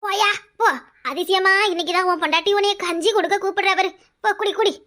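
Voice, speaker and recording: A woman with a Tirunelveli Tamil accent voicing scolding village women in a cartoon, shrill and nagging. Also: steady tone, fast, sharp tone. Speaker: voice artist playing several village women.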